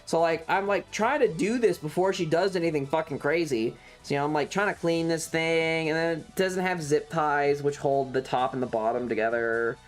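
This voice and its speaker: This streamer's slightly high voice moves at normal speed with barely a pause as he tells a loose, casual story on his livestream. He swears in exasperation and plays out bits of dialogue, with faint music audible behind him.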